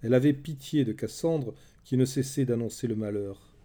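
Dark-voiced male storyteller. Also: medium pitch. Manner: measured, dramatic storytelling. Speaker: narrator. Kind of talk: scripted storybook narration.

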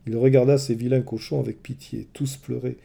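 A man telling a mythology story in scripted, expressive narration. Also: mid-range voice, fairly quick, creaky.

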